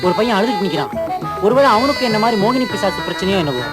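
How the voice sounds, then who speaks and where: An actor playing a naive village son-in-law in a TV comedy, fretful and easily scared. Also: male voice, sits high, lively intonation, over loud music. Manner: fretful and gullible, quick yelps. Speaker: comic lead actor. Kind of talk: TV comedy sketch acting.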